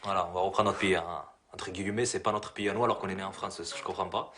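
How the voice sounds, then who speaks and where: A man's voice: low-pitched, steady tone, rapid-fire, noisy background. A young man, a rapper, talking casually in an interview in slangy speech.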